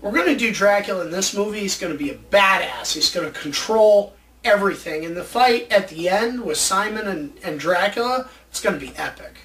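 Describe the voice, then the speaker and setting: Rambling with enthusiasm through a casual movie chat show, the male host talks briskly and with animation. He has a high, fairly bright voice, picked up by a distant mic with faint noise behind it.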